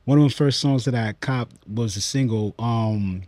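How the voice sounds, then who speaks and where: A man's voice: medium pitch, normal speed, a little mellow, no echo. A man with a Queens, New York accent chatting casually in slangy, agreeable phrases. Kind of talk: casual chat.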